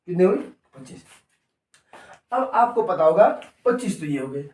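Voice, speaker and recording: High-voiced male teacher drilling a class. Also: lively intonation, normal speed, darkish tone. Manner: call-and-response drilling, repeats each answer. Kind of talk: classroom lesson. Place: coaching classroom. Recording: echoey room, mic far off.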